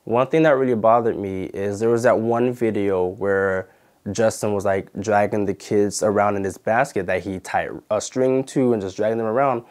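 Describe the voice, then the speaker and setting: A man's voice: lowish voice, steady tone, normal speed, a little mellow. A young man telling a story to camera in a casual, indignant way, full of "like" and "you know". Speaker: channel host and former videographer.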